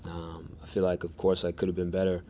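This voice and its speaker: Man, deep monotone, press conference answers, faint room hum behind. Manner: measured, many restarts and fillers. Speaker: soccer defender at press conference.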